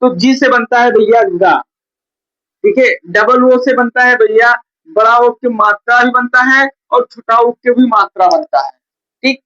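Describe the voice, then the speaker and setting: A man's voice: very high voice, a little slow, sharp tone. Male tutor at a board, patient and repetitive, dull lo-fi sound. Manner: patient, repeats "theek hai" and "bhaiya" often. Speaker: teacher. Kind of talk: blackboard reading lesson. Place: coaching classroom at a board. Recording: dull lo-fi recording.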